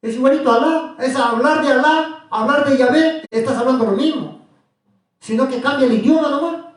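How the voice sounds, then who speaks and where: A man's voice: very high voice, moderate pace. A man teaching a small group about religion, asking questions again and again in an insistent way. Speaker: preacher. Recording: echoey room, voice from far off.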